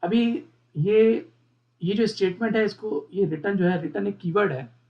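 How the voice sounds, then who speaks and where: Man teaching C in a relaxed step-by-step way. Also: high-pitched, moderate pace, highs cut off. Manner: explains step by step, repeats terms, mixes English terms into Hindi; asks the viewers questions. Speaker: programming teacher. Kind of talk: screen-recorded coding lesson.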